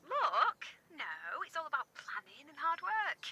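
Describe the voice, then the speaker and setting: An actress playing an upbeat, teasing young English woman in a video game, friendly and brisk. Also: very high voice, sing-song, sharp tone, full character voice. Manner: upbeat, teasing, drops to whispers.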